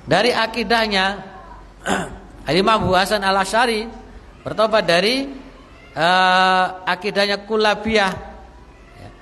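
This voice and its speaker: Teacher, high clear voice, explains a mosque lesson slowly and repeats key phrases, long hall reverb. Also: male voice, sharp tone. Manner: recites Arabic text then explains it plainly, repeating phrases. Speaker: Islamic teacher. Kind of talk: mosque study lecture.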